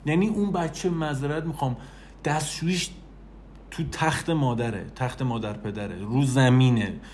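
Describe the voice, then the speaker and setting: Man, motivational speaker, animated delivery, direct address, faint background noise. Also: medium pitch. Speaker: self-help speaker. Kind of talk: motivational talk.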